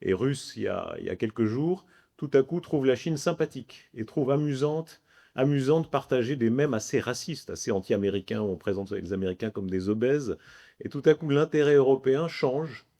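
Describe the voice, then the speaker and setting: A man's voice: medium pitch, lively intonation, a little fast, vocal fry, dark tone. A man moderating a panel debate, speaking articulately in long, winding, reflective sentences.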